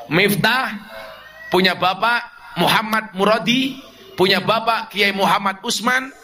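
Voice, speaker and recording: A middle-aged Javanese-accented man delivers a lively sermon, his voice high and bright. He slips in jokes and local asides as he teaches. A faint murmur of a gathering hangs behind him. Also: a little slow, a little hiss or hum. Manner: humorous, animated preaching with jokes and Javanese asides. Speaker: preacher.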